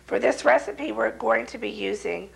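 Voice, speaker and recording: A woman hosting a local TV cooking show, hoarse from a cold, folksy and chatty with her viewers. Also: a little high, normal speed, rough recording.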